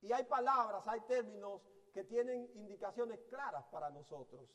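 High pitched guy preaching in a church hall, lots of restarts, asks the room questions, big reverb. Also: moderate pace, a bit bright. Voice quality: hesitant restarts mid-sentence. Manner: teaching, asks the congregation rhetorical questions. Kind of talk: sermon.

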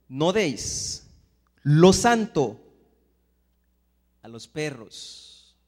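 A man from El Salvador with a Salvadoran Spanish accent, preaching a sermon, swinging between hushed asides and loud emphatic Bible readings. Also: medium pitch, big-room sound.

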